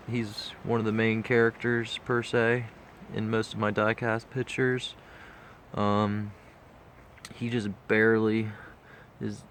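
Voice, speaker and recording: This diecast model collecting vlogger talks low and creaky, with a fairly bright tone and a congested nose. His walkthrough is relaxed and meandering, full of filler words, over a slight hiss or hum.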